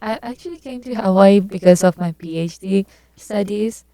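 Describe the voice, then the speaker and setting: Soft-toned young woman. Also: medium pitch, normal speed, no echo. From Bangladesh. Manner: hesitant, short answers with many uhs. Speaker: PhD student, guest. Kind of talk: podcast interview.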